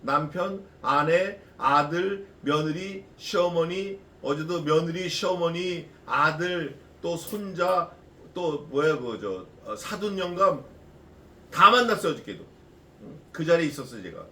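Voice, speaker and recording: A middle-aged pastor preaching an expository sermon in a lively, folksy manner, throwing rhetorical questions at his listeners. His voice sits a little high for a man and rings out from across an echoey church, away from the microphone, with a faint room hum underneath. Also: unhurried, recorded from a distance. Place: church sanctuary.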